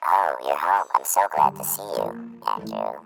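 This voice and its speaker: A performer voicing a smug, sinister male curse spirit in a comedic podcast skit, taunting with a slow drawl. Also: a bass voice, very animated, creaky, over music, full character voice. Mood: menacing.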